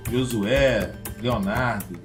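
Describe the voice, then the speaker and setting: A man hosting and moderating a podcast debate informally, in halting, repeated phrases. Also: fairly low pitch, music in the background.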